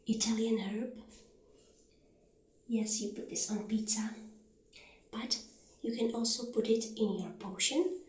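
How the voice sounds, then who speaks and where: With roomy echo and faint background noise in the recording, a woman of medium pitch whispers and breathes her way through a soft-spoken ASMR roleplay. She gently plays a friendly witch shopkeeper, showing potion ingredients in an unhurried, halting manner.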